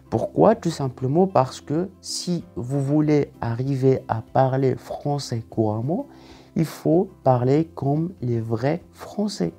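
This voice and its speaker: Gravelly, mellow-voiced man teaching a lesson. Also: mid-range voice. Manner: methodical, step-by-step explaining. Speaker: French language teacher. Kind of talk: online lesson to camera.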